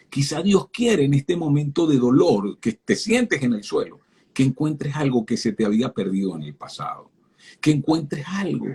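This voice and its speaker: A man's voice: mid-range voice, gravelly, a little mellow, breathy edge. A man giving a fervent sermon-style talk as a guest speaker on a live stream, speaking directly to his listeners and often repeating words as he starts a phrase.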